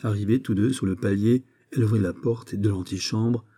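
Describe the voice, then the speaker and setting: Man reading a classic story, dark low voice, husky, measured. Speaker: audiobook reader. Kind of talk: literary audiobook narration.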